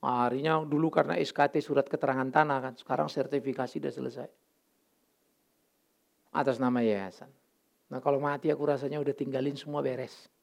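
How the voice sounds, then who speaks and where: A man's voice: medium pitch, fairly even intonation, a little fast, vocal fry, pauses often. A middle-aged male pastor giving a candid, emotional sermon, mixing English words into his talk.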